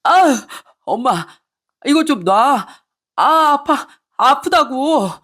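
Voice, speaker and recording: A woman's voice: lowish voice, very animated, moderate pace, husky. A woman voicing a cornered, flustered husband who pleads and whines. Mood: pained. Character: flustered cheating young husband, cornered and whiny.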